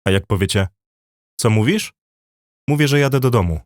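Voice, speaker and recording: A man teaching a language lesson, speaking slowly and deliberately and repeating phrases for learners to copy. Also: medium pitch, animated, darkish tone, no echo, studio quality.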